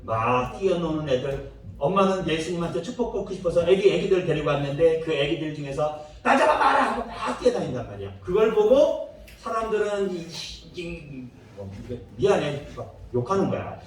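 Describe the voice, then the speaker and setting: A man's voice: on the high side, lively intonation, moderate pace, a little mellow, slight background noise. A man giving a playful children's sermon, telling the story with acted-out voices and questions for the kids. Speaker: children's ministry preacher. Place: church worship room. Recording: very echoey room, mic far off.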